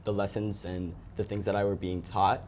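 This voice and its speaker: A teenage boy from Ethiopia, a student guest in an interview, talking eagerly and quickly with many restarts. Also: on the low side, flat delivery, darkish tone, slight background noise. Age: teens.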